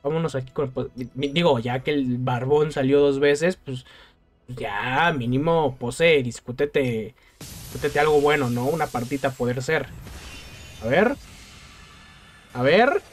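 A man's voice: mid-range voice, slow pace, pauses often, soft background music. A man with a Mexican accent giving casual gameplay commentary, exasperated and self-mocking and laughing often. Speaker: gaming youtuber.

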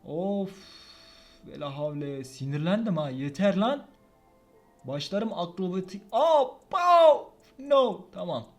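A man commenting on his own mobile game play, swinging between muttering and angry outbursts at the game. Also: on the high side. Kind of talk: gameplay commentary.

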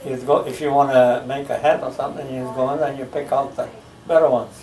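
Recorded by a camera mic from across a living room, this older American man sits in a recliner and tells stories about his life, slow and halting with many pauses. His medium-pitched, darkish voice barely moves in pitch. The family oral history interview has the roomy feel of distant home video.

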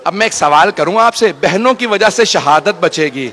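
High, bright-voiced impassioned preacher man. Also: lively intonation, moderate pace. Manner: impassioned, rising to wailing shouts; addresses the gathering directly. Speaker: cleric. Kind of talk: mourning sermon recitation.

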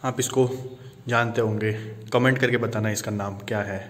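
A man's voice: fairly low pitch, fairly even intonation, moderate pace, noisy background. A man vlogging as he walks through a man-made underground temple cave, often exclaiming and mixing English into his Hindi, recorded on a handheld phone. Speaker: travel vlogger. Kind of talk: walking tour vlog narration.

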